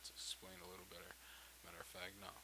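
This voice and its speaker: A tutorial host with a low, bright, forceful voice runs through a casual, unscripted software walkthrough, speaking fast and in a monotone. He is informal, thinking aloud and backtracking mid-explanation, and the poor audio comes from a hissy home microphone with noticeable background noise.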